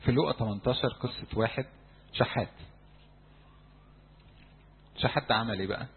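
A man with an Egyptian Arabic accent preaching a sermon to young people in a church, animated and acting out crowd voices. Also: mid-range voice, brisk, narrow, tinny audio, a little hiss or hum. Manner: animated, acts out crowd voices, shouts for emphasis.

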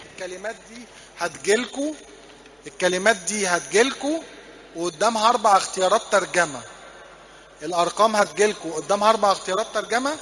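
In a church classroom, a man with an Egyptian Arabic accent teaches Coptic, drilling numbers and having students repeat after him. His voice sits high, pushed and bright, and the recording has a big-room sound with a little hiss or hum.

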